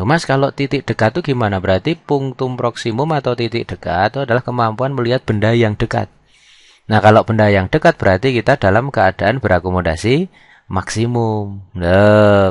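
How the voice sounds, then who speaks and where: Young male tutor, low voice, dry recording, chatty self-questioning delivery. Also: dry recording. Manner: chatty, asks and answers his own questions, lots of "nah" and "kan gitu". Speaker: physics tutor. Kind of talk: casual whiteboard lesson.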